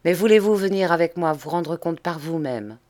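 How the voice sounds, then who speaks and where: A woman voicing a frightened older male butler with a hoarse, halting way of speaking, in a storybook reading. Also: on the low side, expressive, a little mellow, natural voice. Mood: fearful.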